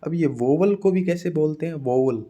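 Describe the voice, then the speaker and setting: A man's voice: on the high side, brisk, warm tone. A man teaching an exam-preparation phonetics lecture in a casual classroom manner, often checking in with his students as he explains.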